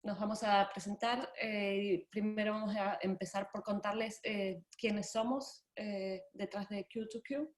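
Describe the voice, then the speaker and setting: A woman interpreting consecutively in an online presentation, careful and pausing as she translates. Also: medium pitch, steady tone. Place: indoor room on a video call. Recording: roomy, echoey video-call sound.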